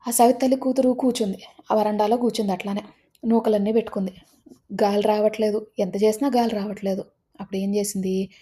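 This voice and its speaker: A woman telling a folk tale, retelling it in a lively way and putting on voices for the characters. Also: mid-range voice, breathy edge. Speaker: storyteller.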